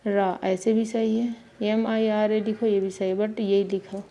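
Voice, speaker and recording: A woman teacher giving a spelling lesson, slowly spelling names out letter by letter. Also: medium pitch, flat delivery, dark tone.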